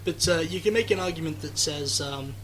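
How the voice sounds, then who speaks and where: A man doing live esports commentary, chatty and sarcastic, who gets loud and excited during fights. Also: fairly high pitch, a little fast, a little hiss or hum, poor audio. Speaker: game commentator.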